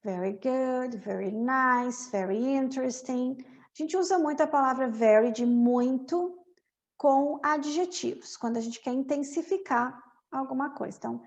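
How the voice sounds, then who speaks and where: A Brazilian woman teaching English, her voice high and edged with a gravelly fry. She talks at an unhurried pace, repeating phrases slowly and deliberately so learners can follow. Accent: Brazilian Portuguese. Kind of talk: language lesson explaining film lines.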